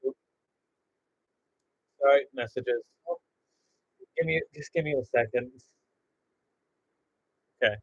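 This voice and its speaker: A man's voice: medium pitch, slow, long pauses, highs cut off. A man chatting loosely and jokingly with his viewers as a stop-motion creator on a casual livestream.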